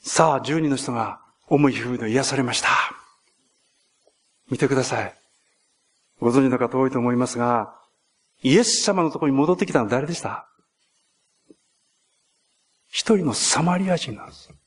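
A male pastor preaching a sermon in an earnest way, rising to emphatic peaks and slowing for key points. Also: medium pitch.

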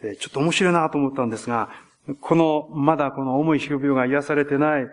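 A male pastor preaching a sermon in an earnest way, rising to emphatic peaks and slowing for key points. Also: a little high, steady tone.

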